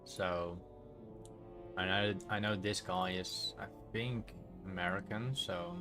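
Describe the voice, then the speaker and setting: A Dutch-accented man talks slowly and a little low while he plays, drifting between thoughts and correcting himself mid-sentence. Faint game music sits behind his voice. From Netherlands. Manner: relaxed, rambling, self-correcting. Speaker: streamer. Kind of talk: casual game stream chat.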